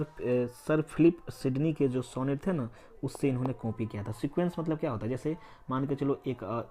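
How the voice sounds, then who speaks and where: A man's voice: mid-range voice, mellow. A male teacher giving an exam-prep literature lesson in Hindi mixed with English, asking a question and answering it himself again and again. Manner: repeats points as quiz questions and answers them; spells out words letter by letter.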